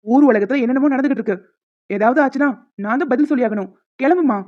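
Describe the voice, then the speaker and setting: Lady voicing old park watchman guy, fatherly, talks quick, dull lo-fi sound. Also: high-pitched, natural voice. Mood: scolding. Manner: fatherly, scolding. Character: kindly older male park watchman. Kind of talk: cartoon voice acting.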